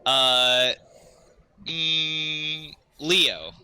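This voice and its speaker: A man improvising narration as game master of a tabletop game, halting as he thinks aloud. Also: fairly high pitch, sharp tone, a little hiss or hum.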